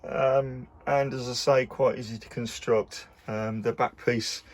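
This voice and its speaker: A man's voice: medium pitch, fairly even intonation, a little slow. A man with a Birmingham accent talking casually about his model build in a home workshop, with many ums and uhs. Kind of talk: casual video diary.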